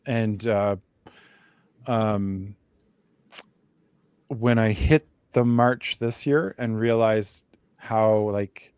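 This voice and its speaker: Halting, emotional man on a podcast. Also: fairly low pitch, fairly even intonation, a little mellow, clear, resonant tone, dry recording. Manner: halting, emotional, many restarts and fillers. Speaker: podcast co-host. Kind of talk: casual chat.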